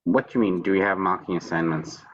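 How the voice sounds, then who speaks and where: A man leads an online programming class over a video call, his lower voice husky and a little dull through the call audio. He repeats words in quick bursts and jokes by praising himself. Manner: playful, repeats words, teasing self-praise. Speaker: programming lecturer. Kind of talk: online tutoring session.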